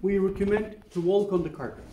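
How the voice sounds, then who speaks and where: With a brisk delivery and a voice that sits high, a Turkish-accented man shows visitors around a carpet workshop. He patiently explains every step and keeps checking understanding with "okay?" The audio comes from a distance in an echoey room and is noisy.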